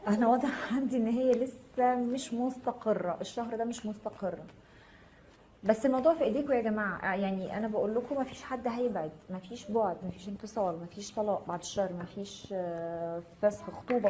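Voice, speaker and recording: A woman's voice: fairly high pitch, expressive, fast, warm tone, slight background noise, rough recording. A woman with an Egyptian Arabic accent hosting a live tarot reading. She reassures viewers and answers their comments, calling them by name. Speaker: tarot reader host.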